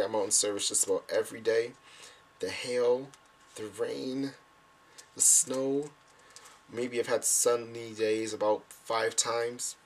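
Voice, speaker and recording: Lively storytelling young man. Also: slight background noise. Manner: animated, acts out his own past lines in a higher voice. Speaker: volunteer minister abroad telling stories. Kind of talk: casual storytelling.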